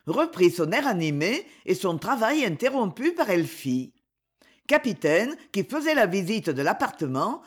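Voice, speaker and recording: A woman narrating a children's story with expressive reading. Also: mid-range voice, slightly rough. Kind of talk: scripted narration.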